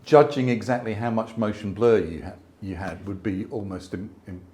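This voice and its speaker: A man's voice: on the low side, moderate pace, darkish tone. A man in his sixties, a landscape photographer, talking thoughtfully at an exhibition, with frequent restarts and asides. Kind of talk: conversational exhibition talk. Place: exhibition space before an audience.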